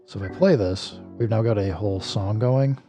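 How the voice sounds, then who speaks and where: A man's voice: fairly low pitch, moderate pace. A man streaming while he builds a track, thinking aloud and correcting himself, his voice a little worn. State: slightly losing his voice. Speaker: music producer streaming. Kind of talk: casual livestream walkthrough. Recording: music playing behind.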